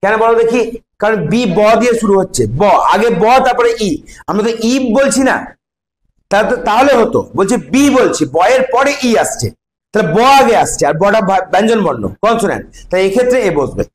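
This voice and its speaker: A man with a Bengali accent teaches a grammar class, walking his students through each step and pausing to quiz them. His voice sits high for a man. The classroom around him has a clear echo. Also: lively intonation. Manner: explains step by step, quizzing students. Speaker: English teacher. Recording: echoey classroom.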